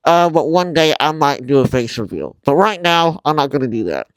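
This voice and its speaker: Talking through a mask that muffles his mouth, a man hosts a casual tutorial vlog, speaking informally, haltingly and often apologetically. His voice sits high with big pitch swings, and the recording is dry and rough.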